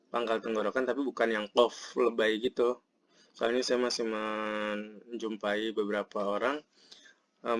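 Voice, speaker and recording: Indonesian guy teaching quran recitation, kinda low and slow, keeps checking "seperti itu ya". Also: no echo. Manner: patient, explains with "seperti itu ya", recites verses slowly. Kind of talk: slow tajwid lesson with recited verses.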